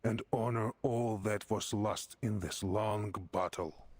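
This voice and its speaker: A man's voice: lowish voice, steady tone, takes it slowly, darkish tone. An actor playing a grave, solemn, commanding male admiral in a video game.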